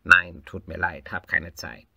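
Storybook: busy male fox, mock-solemn, drawn-out, raspy edge; a man voices him. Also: sits low, fairly even intonation, pushed and bright, no echo, studio quality, exaggerated voice. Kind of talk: storybook reading.

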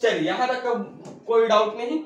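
A man with a high voice teaches an exam-prep grammar lesson, hammering each point home with repetition and calling his listeners "my friend". The sound is very echoey, as if from a bare room. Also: moderate pace, highs cut off.

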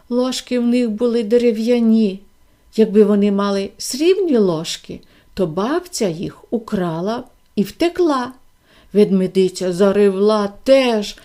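A woman narrates a fairy tale in a gentle, expressive storyteller's voice. She sits fairly high in pitch and takes her time over every phrase.

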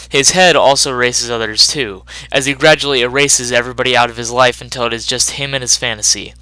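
Man, film analysis voice-over, bright forceful tone, dry close recording. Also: mid-range voice, smooth, no echo, poor audio. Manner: measured, explanatory, analytical. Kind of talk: scripted voice-over narration.

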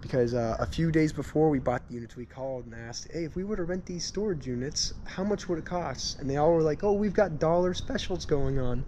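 A young man with a slightly high voice that is partly gone, so it squeaks and cracks in places. He talks fast and excitedly while digging through a dusty storage unit, with a faint hum behind him. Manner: excitable, quick exclamations. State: losing his voice, squeaky in spots. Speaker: online reseller, channel host. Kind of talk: casual vlog narration.

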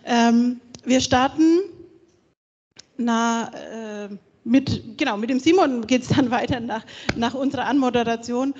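A woman presents a conference program in a relaxed, self-correcting way. Her voice rings with long reverb through a large hall, and the sound is dull and lo-fi. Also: a little high, unhurried, slightly rough. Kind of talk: conference moderation. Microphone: handheld microphone.

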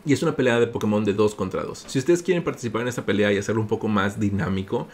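A man's voice: fairly low pitch, very fast, slight background noise. A man with a Mexican accent hosting a gaming vlog, narrating playfully with big jumps in his voice and calling his viewers "little ones.". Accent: Mexican Spanish. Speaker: gaming YouTuber host.

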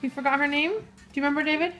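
A woman's voice: sits high, steady tone, rapid-fire, rough recording. A woman in her thirties, a mother vlogging at home at dinnertime, cheerfully coaxing and correcting her young children. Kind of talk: casual family vlog narration. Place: family home indoors at dinnertime. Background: piano music.

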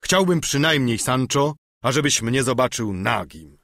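A man reading a storybook, voicing a solemn, lovesick old knight who speaks slowly and declaims. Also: mid-range voice, lively intonation, a bit bright, no echo, studio quality. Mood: grandiose. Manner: slow, grave, declamatory. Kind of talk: audiobook character reading.

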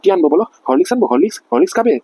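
Guy doing a pushy cartoon boss, high raspy voice, fires off words super fast. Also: sing-song, warm tone, dry recording, exaggerated voice. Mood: bossy. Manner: keeps asking if he is understood. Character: pushy middle-aged male company boss. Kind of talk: cartoon voice acting.

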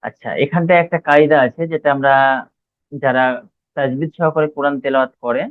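A man's voice: fairly high pitch, fairly even intonation, no room sound. Man teaching prayers over tinny audio. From Bangladesh. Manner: slow, drawn-out recitation of Arabic words between explanations. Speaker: religious teacher. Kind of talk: recorded Arabic pronunciation lesson. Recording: dry, phone-like lo-fi audio.

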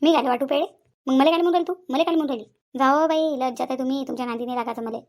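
Woman voicing squabbling village aunties in a cartoon, high voice, rattles off accusations super fast. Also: a little mellow. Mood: quarrelling. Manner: shrill, accusing, bickering. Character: quarrelsome middle-aged village women, bickering. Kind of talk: cartoon voice acting.

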